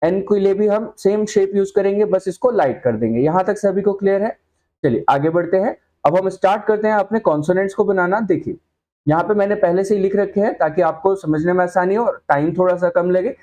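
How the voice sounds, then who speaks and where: A man's voice: high voice, dark tone. A man teaching a shorthand class, explaining patiently and often checking that the students follow. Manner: patient, checks understanding with repeated questions; spells out example sounds slowly. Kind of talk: whiteboard lesson explanation.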